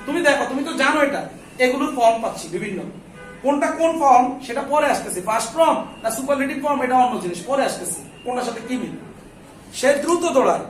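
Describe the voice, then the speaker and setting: A man whose voice is extremely high and a bit bright leads an English grammar lesson. He shoots questions at the class, supplies the answers himself, and scolds students who talk. The recording comes from far off in an echoey classroom with slight background noise.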